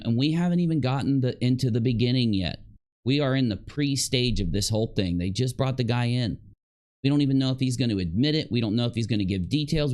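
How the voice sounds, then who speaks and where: A streamer reacts unscripted to another person's video, arguing and hurling accusations as he goes. His voice is medium-pitched and a little mellow.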